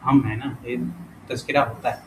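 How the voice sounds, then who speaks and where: A man teaching a casual lesson who thinks aloud as he works through exercises, corrects himself often and reads example words out slowly. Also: mid-range voice, fairly even intonation. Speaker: language teacher. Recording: clear background noise.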